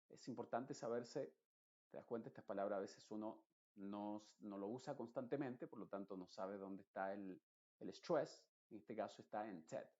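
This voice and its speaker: A man's voice: medium pitch, warm tone. Muffled man teaching pronunciation. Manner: patient, explanatory, repeats words slowly to model them. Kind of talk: online lesson, explaining to the viewer.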